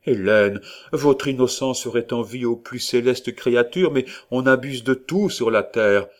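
A man's voice: fairly low pitch, fairly even intonation, unhurried, close to an everyday voice. A man reading the part of a jealous, passionate young man of twenty-five, speaking heatedly and with emphasis. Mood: vehement.

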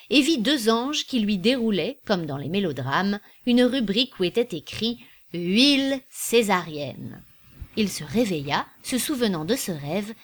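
A woman narrating a classic novel aloud in a measured, expressive reading. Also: medium pitch. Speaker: audiobook reader. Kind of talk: literary audiobook narration.

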